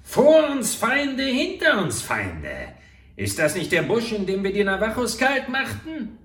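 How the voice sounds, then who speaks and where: A cornered villainous swindler shrieking and snarling, voiced by a man reading the story. The voice leaps very high and then drags slowly, in a roomy, distant sound. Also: huge pitch swings, a bit bright, heavily acted. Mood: desperate, snarling. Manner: shrieking, gritted panic. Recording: roomy, far from the mic.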